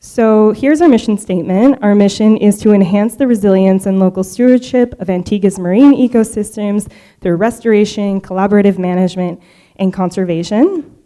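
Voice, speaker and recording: Friendly woman presenting, mellow smooth voice. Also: mid-range voice, a little fast. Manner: friendly, chatty with the audience. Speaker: marine scientist presenter. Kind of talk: conference presentation. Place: conference hall.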